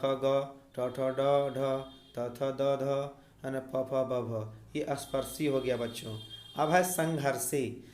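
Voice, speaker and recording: Echoey man teaching a lesson. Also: on the high side. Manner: explains patiently, repeats sounds aloud, checks with "है ना?". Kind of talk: classroom grammar lesson. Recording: echoey room.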